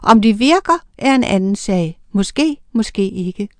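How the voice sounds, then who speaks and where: A commanding witch mother snaps out orders to her household, voiced by a woman reading aloud. The delivery is brisk and firm, recorded close and dry. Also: medium pitch, expressive, a little mellow, no echo, lightly acted. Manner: quick commanding.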